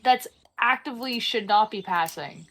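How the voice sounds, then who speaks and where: A woman's voice: fairly high pitch, moderate pace, fairly bright tone, slight background noise, poor audio. A woman in casual chat with friends during a gaming session. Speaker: player in group gaming session. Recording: clear music behind the voice. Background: music.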